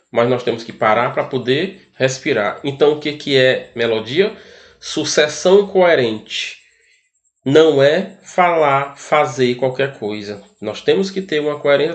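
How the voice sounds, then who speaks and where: Brazilian male teacher, slightly high voice. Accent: Brazilian Portuguese. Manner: explanatory, asks rhetorical questions, frequent tag questions. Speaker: arts teacher. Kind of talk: recorded classroom lesson.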